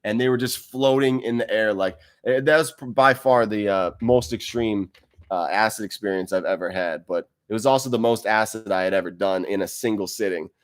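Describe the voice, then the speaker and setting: This livestream host talks briskly in a fairly low voice, close to a desk mic in a wide room at home. He reads viewer comments in a laid-back, rambling way and laughs often.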